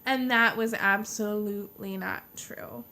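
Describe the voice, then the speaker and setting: A young American woman vlogging a casual personal storytime in a halting, informal way, leaning hard on the openers of her sentences. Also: mid-range voice, steady tone, bright, forceful tone, slight background noise. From United States. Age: young adult.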